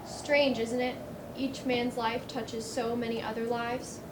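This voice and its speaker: Woman doing a patient little angel guy, high voice, echoey far-off stage, noisy. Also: level tone, takes it slowly. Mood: gentle. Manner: patient, coaxing, a little flustered. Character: gentle old male guardian angel. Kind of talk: amateur stage acting. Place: theatre stage.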